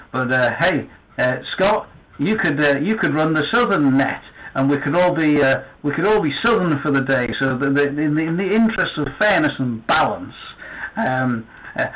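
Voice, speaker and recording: A man's voice: fairly high pitch, a bit bright, low-quality recording. A man with a northern English accent, guest-hosting an amateur radio net in a chatty, joking way with lots of fillers and restarts. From northern England. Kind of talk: casual amateur radio chat.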